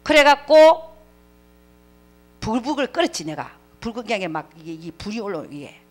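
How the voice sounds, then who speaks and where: A woman pastor telling a testimony in a sermon, swinging between hushed whispers and loud exclamations. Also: a little high, very animated, normal speed. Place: church.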